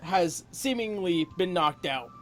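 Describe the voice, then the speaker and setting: A man's voice: high-pitched, animated, faint music behind. A man narrating a tabletop role-playing game as game master, hesitating often with ums and uhs. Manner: slow, halting narration full of ums and uhs.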